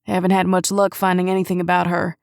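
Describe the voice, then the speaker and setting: Gravelly, teasing male police chief, read by a woman narrator, dry studio read. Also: lowish voice, monotone, fast talker, no room sound. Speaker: audiobook narrator. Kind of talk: audiobook character voice.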